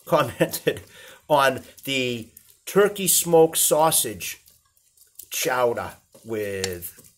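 A man's voice: medium pitch, a little hiss or hum. An older man hosting a casual cooking vlog in his small apartment, rambling and chuckling as he talks. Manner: rambling, chatty, chuckles often. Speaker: cooking channel host.

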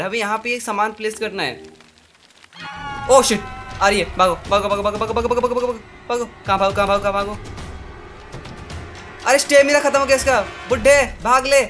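Excitable young man, high bright voice. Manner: excitable, yelps and shouts at scares, talks to himself; mixes English into Hindi slang. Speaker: gaming streamer. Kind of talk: horror game commentary.

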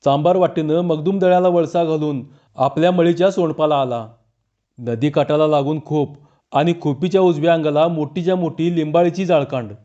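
A man's voice: a little high, fairly even intonation, normal speed, mellow, lo-fi sound. A man reading a folk tale aloud as a storyteller.

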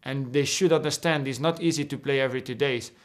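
A man's voice: medium pitch, fairly even intonation, quick pace. A young man whose first language is Portuguese, a footballer answering interview questions earnestly over a video call, often restarting and repeating words. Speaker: footballer guest. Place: indoor locker room.

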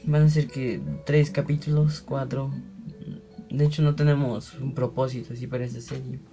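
A young man gives loose, rambling commentary while he plays, now and then voicing the sounds of his digging aloud. His voice has a mellow, warm tone. Faint music plays quietly underneath him. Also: medium pitch, little pitch movement, moderate pace. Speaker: gaming channel host. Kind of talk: casual gameplay commentary.

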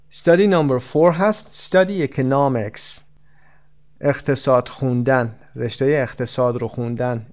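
Man teaching English, slow example phrases. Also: mid-range voice, clear, resonant tone. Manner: switches between quick explanations and slow, stretched-out example phrases. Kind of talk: recorded textbook lesson.

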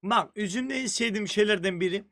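A young man streaming a game, chatting profanely and joking, flaring into mock-angry shouting. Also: high voice, quick pace. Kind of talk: casual live-stream gaming commentary. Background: music.

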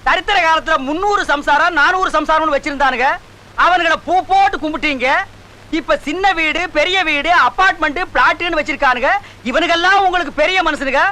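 An actor playing a pompous, boastful male sorcerer who scolds his scheming disciples loudly and theatrically in a film comedy. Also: very high-pitched, a little fast, heavily acted. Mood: scolding, boastful.

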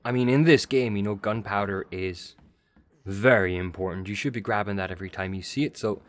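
A man's voice: on the low side, fairly quick. A man hosting a casual, chatty game walkthrough, talking the viewer through each step with a jokey edge. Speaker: gaming video host.

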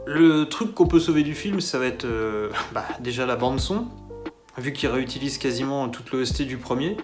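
Guy doing a snarky movie review vlog, mid pitch, guitar music playing behind him. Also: moderate pace. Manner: sarcastic, mocking, rambling. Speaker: film reviewer. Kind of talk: casual solo film review.

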